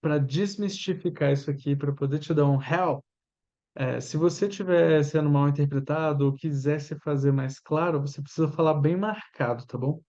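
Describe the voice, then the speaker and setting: A Brazilian man in his thirties with a Brazilian Portuguese accent, an English teacher giving a chatty lesson and drilling pronunciation with slow repeats. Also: fairly high pitch, dark tone, highs cut off. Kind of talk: informal language lesson.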